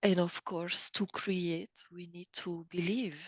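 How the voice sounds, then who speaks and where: Middle-aged woman from belgium, guest on an interview, talks slow and careful, lots of ums, dry sound. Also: lowish voice, flat delivery, dry recording, dull audio. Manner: thoughtful, hesitant with many ums and restarts. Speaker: guest, coach. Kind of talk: interview conversation.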